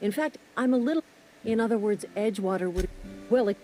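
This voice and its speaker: A woman voices a gruff, impatient foreman in a video game. The delivery is curt and dismissive, in a dark, mellow tone, with faint music behind. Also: mid-range voice, lively intonation, fairly quick, natural voice.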